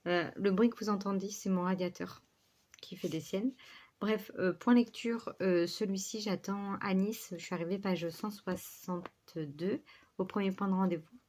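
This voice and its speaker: A woman's voice: medium pitch, steady tone, moderate pace, darkish tone. A woman chatting casually to her book vlog in a rambling, scatterbrained way, with a slight lisp on her words. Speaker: book vlogger.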